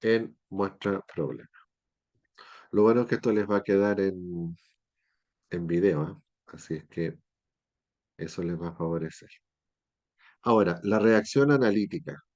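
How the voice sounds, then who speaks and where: Low-voiced chemistry teacher lecturing. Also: male voice, unhurried, long pauses, a little mellow, muffled recording. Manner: explanatory, checks in with students often. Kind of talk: classroom lecture. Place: classroom.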